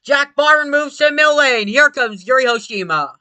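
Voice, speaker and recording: A motorsport commentator calling a race live in an excitable manner. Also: high voice, moderate pace, smooth, no room sound. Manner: excitable motorsport commentator delivery, breaking into shouts at big moments.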